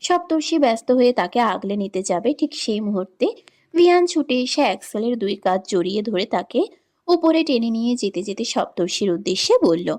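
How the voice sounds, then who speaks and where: A woman's voice: fairly high pitch, animated, a little fast, a little mellow. Woman narrating a romance story.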